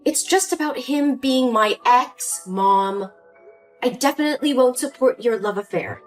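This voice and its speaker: A woman's voice: sits high, animated, a little slow. A woman voicing an emotional young daughter pleading with her mother in a story drama, with faint music behind. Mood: upset.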